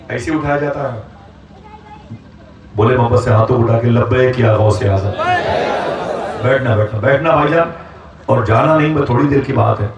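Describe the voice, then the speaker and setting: Man preaching dramatically in an echoey hall. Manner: dramatic storytelling, rising to impassioned pitch when voicing characters. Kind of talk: sermon storytelling. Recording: echoey hall, speaker far from mic.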